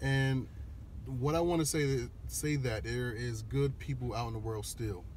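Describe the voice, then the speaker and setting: A man in his thirties, co-hosting a family vlog from a car, relaxed and agreeable. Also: medium pitch, normal speed, a little hiss or hum. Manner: easygoing, agrees a lot. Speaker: vlog co-host. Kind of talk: casual chat. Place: inside a parked car. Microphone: phone camera on the dashboard.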